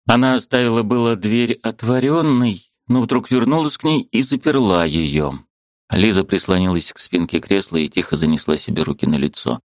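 Low-voiced male audiobook narrator. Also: no room sound. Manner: measured, even storytelling. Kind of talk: audiobook reading of a classic novel.

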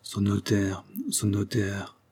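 A man's voice: mid-range voice, brisk, mellow, husky, natural voice. A man voicing a fretful, feverish young widow. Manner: fretful, nervous, turning insistent. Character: weary, money-hungry young widowed woman.

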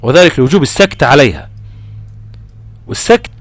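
Animated Egyptian man teaching recitation. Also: medium pitch, dry recording. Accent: Egyptian Arabic. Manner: animated, acts out imagined student exchanges, drawn-out recitation examples. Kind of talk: Egyptian colloquial tajweed lesson.

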